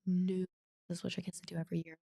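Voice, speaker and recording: Young woman, podcast co-host, stuffy nose, rambling, gravelly, dry close sound. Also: on the low side, level tone, fast, dark tone, dry recording. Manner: chatty, rambling, frequent restarts and laughs. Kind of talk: casual chat.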